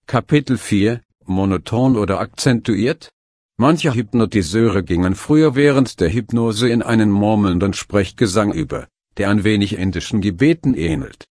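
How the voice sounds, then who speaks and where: A man narrating a scripted instructional guide in a calm, measured way. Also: lowish voice, no room sound, studio quality. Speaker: hypnosis instructor.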